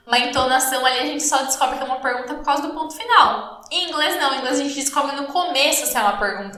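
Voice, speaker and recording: Bright, high-voiced Brazilian woman teaching English. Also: reverberant. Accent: Brazilian Portuguese. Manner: lively, encouraging, slows down to model English phrases. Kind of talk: live online English lesson.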